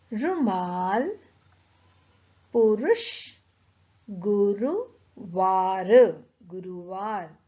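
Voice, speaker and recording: A woman with a slightly high voice leads a children's reading lesson at a very slow pace. She sounds each word out carefully and repeats it for young learners. The recording is dull and lo-fi. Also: darkish tone. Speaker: teacher.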